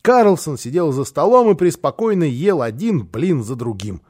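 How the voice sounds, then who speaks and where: A man narrating a children's storybook with an expressive, animated reading. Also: fairly high pitch, moderate pace. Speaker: audiobook reader.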